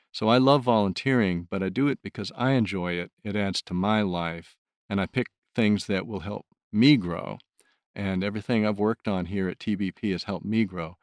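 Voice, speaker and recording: A man's voice: low voice, no room sound, clean studio sound. A man who volunteers as an audiobook narrator, talking about his work in a thoughtful, earnest way. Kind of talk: reflective interview talk.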